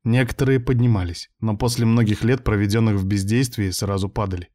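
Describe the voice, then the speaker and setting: A man reading a first-person audiobook with steady, even storytelling. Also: lowish voice, fairly quick. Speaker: audiobook narrator.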